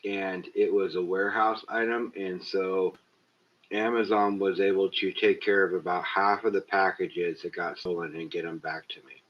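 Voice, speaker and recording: A man's voice: low voice, fairly even intonation, normal speed. A man hosting a casual live stream, cursing a lot and talking straight to viewers in chat. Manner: profane, exasperated, talks straight to chat. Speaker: livestream host. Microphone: cheap webcam built-in mic. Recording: dull lo-fi webcam mic.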